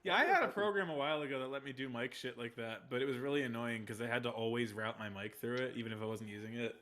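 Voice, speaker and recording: A man hosting a let's play over a desk microphone. His talk is casual and loose, full of laughter and offhand swearing. His pitch sits in an ordinary middle range. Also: fast, fairly bright tone, faint music behind. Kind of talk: casual gaming chat.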